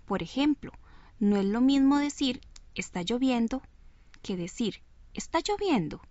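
A woman presenting a scripted radio lesson, speaking clearly and deliberately to demonstrate intonation. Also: a little high, lively intonation, warm tone, dry recording. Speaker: radio teacher. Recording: dull lo-fi recording.

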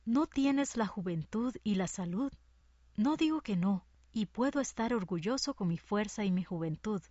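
A woman reading a fable aloud in a soft, measured way. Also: medium pitch, expressive, dry recording. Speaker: story reader. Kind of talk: scripted narration of a fable. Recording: distant, dull lo-fi recording.

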